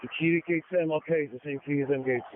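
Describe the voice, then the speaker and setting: A man's voice: fairly high pitch, fairly even intonation, rapid-fire, slight background noise. A man commanding police over the radio, blunt and emphatic, repeating his orders. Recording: tinny narrow-band police radio audio.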